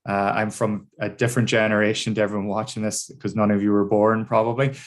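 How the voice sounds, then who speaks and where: A man's voice: fairly low pitch, flat delivery, fast. A middle-aged man with a northwest Irish accent from Donegal, giving an informal, reflective career talk to students over a video call. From Donegal, Ireland. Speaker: guest speaker, engineer.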